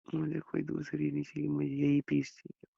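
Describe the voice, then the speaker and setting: A man's voice: a little high, monotone, moderate pace, gravelly, mellow, breathy edge, dry recording. A young man on an intimate phone call with his wife, reassuring her and rambling through long explanations. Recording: muffled phone call recording.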